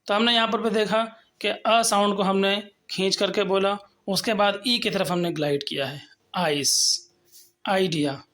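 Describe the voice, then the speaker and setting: High-voiced man teaching English sounds. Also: steady tone, pushed and bright. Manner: explains step by step, slowly sounding out example words. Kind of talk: lecture on phonetics.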